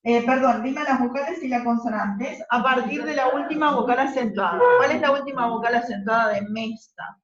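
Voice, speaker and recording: A woman's voice: fairly high pitch, brisk, few pauses, a crowd in the background. A woman teaching a class, patiently explaining step by step and often checking that the students follow. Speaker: literature teacher. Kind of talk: classroom lesson. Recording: roomy, distant, dull classroom recording.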